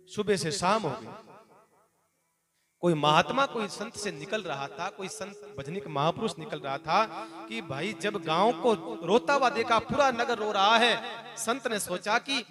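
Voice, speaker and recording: A male preacher telling a devotional story to a gathering, acting out the characters' wailing in an animated voice. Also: high-pitched. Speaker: katha preacher. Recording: live crowd audible behind.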